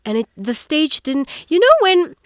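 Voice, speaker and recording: A young adult woman, an actor, chatting in an interview and telling animated stories from her career, laughing often. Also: high voice, unhurried, dry recording, clean studio sound. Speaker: guest actor. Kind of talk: casual interview chat.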